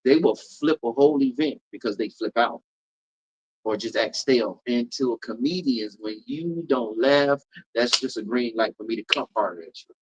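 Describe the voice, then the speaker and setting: In a muffled recording, a medium-pitched man with a slightly rough voice talks at a moderate pace. He's a Florida comedian and event host from Polk County, chatting casually in an interview with animated, emphatic stories full of repeated riffs.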